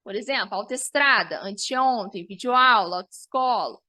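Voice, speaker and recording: A woman's voice: on the high side, a little slow, sharp tone, no echo. A woman teacher, giving an online review lesson and explaining step by step, often checking in with her students.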